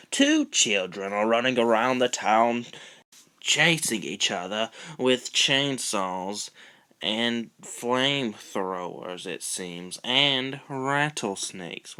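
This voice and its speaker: A man doing a deadpan cartoon news anchor. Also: on the low side, clean tone, full character voice. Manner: slow, deadpan newsreader cadence.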